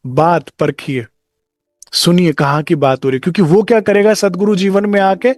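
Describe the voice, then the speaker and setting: A man's voice: high-pitched, fairly even intonation, moderate pace. A man giving a devotional discourse as a spiritual teacher, talking conversationally and acting out short dialogues.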